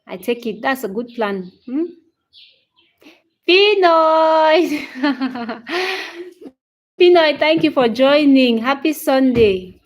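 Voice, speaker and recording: Slow-talking Cameroonian woman in her thirties. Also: high-pitched, expressive. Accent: Cameroonian English. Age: 30s. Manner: greets viewers by name and answers their comments one by one; repeats phrases, checks in with "okay?". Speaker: English teacher hosting a livestream. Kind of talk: casual livestream chat.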